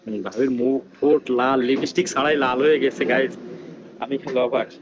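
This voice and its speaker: A man vlogging with a rural Bangladeshi Bengali accent, keeping his voice low and hushed as he talks to viewers during an eating challenge in a village. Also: steady tone, fairly quick, background noise. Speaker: vlogger host. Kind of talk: casual vlog commentary. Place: village house outdoors.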